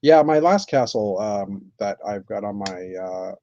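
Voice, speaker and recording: A man chatting casually on a live stream while building, thinking aloud with many pauses and fillers. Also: fairly low pitch, expressive, dark tone. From Canada. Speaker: streamer building with toy bricks. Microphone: computer mic on live stream. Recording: dull lo-fi stream audio.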